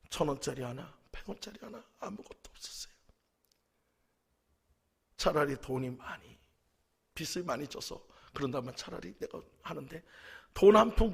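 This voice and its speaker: A man preaching as a pastor, telling a personal testimony and swinging from hushed whispers to crying shouts. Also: a little high, creaky, slightly rough. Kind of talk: emotional testimony sermon.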